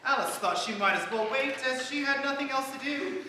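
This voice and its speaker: Male narrator, bright tense tone, high for a man, storybook reading in an echoey church. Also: brisk. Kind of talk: live stage narration. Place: church sanctuary. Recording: echoey church hall from far off, faint hiss.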